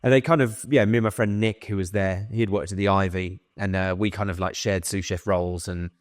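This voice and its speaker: A young man tells long stories into a studio podcast mic. His voice sits a little low and sounds dry and close. He is animated, swears casually, and slips into other people's voices when he quotes them. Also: fairly quick, no echo. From England. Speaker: guest. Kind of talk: casual storytelling.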